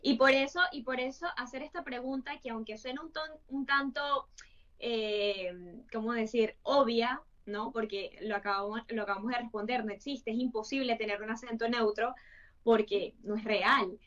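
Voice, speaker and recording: A woman's voice: a little high, fairly even intonation, moderate pace, fairly bright tone. A woman hosting an interview, thinking aloud reflectively and often adding tag questions. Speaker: host. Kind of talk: interview conversation. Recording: distant, dull lo-fi sound.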